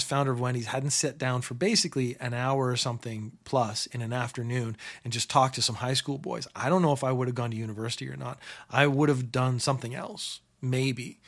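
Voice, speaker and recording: A man's voice: medium pitch, a bit bright. A middle-aged man hosting a show, casually telling a rambling story and repeating phrases for comic effect.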